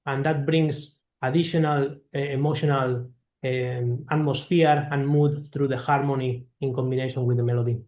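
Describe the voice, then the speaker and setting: A man's voice: mid-range voice, little pitch movement, moderate pace, darkish tone, roomy sound. A man from Spain with a Spanish accent, speaking as a guest composer in an interview, thoughtful and hesitant with many fillers. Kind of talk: interview conversation.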